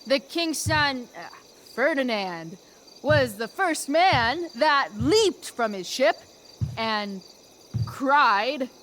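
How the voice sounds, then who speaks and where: Slow-talking sardonic teenage girl. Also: sits high, lively intonation, a bit bright, a little hiss or hum, exaggerated voice. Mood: awkward reciting. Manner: sardonic, blunt, halting when reciting lines. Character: sarcastic, reluctant rebellious teenage girl thrown onto a stage. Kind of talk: naturalistic video game acting.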